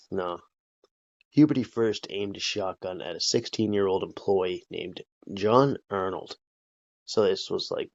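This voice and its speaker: A low, gravelly-voiced man retelling a true-crime case on a podcast, casual and profane, checking in with listeners as he goes. The sound is dry and close, with a dull lo-fi tone. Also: no echo. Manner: loose, profane, conversational with frequent "right?" and "like". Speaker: podcast host.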